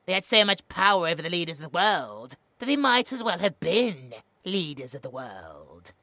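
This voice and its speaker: Explanatory yet bitter, a man with a British accent takes on the role of a smug, cruel mad scientist for an audio roleplay, taunting theatrically and with clinical precision. The voice is fairly high, sharp and very animated at normal speed, recorded dry.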